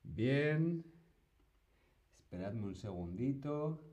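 A man's voice: medium pitch, lively intonation, drawn-out words, dark tone. A man from Spain teaching Spanish on a live stream, greeting chat viewers by name and playfully imitating sounds. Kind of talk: live-stream language lesson.

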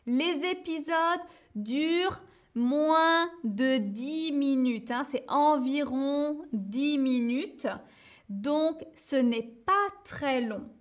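A woman teaching learners, speaking slowly and deliberately, repeating words and tagging phrases with little fillers. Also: high voice. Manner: slow and deliberate, repeats words, frequent "hein" and "euh". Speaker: French teacher. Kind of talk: slow learner-friendly explanation.

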